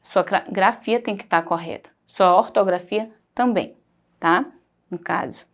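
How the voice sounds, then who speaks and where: A woman's voice: mid-range voice, unhurried, dull audio. A woman teacher with a Brazilian Portuguese accent, giving a recorded primary school lesson in a patient, explanatory way and pointing things out as she goes.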